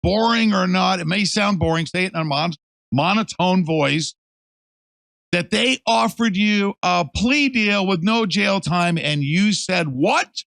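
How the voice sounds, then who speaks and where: A male host in a casual interview, emphatic and animated, swinging from loud to hushed. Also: high-pitched, a little slow, gravelly, no echo.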